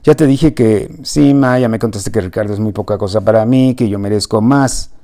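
A man voicing a sharp-tongued young woman in a storybook reading, ironic and a little bitter toward her mother. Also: lowish voice, normal speed, close to an everyday voice.

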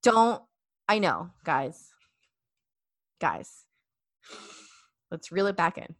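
A woman's voice: fairly low pitch, big pitch swings, extremely slow, a bit bright, no echo, clean studio sound. A young woman hosting a casual chat, telling a story animatedly with many fillers and acted-out quotes.

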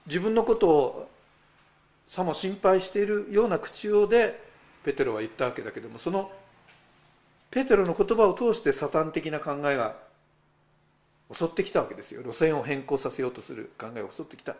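A man's voice: fairly high pitch, expressive, fairly quick, darkish tone. A male pastor giving a sermon in a conversational way. He speaks straight to the congregation with rhetorical asides.

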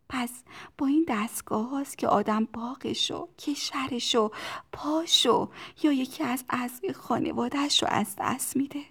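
A woman voicing a gentle, troubled young boy, thinking softly to himself in an audiobook. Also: on the high side. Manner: soft, hushed inner musing.

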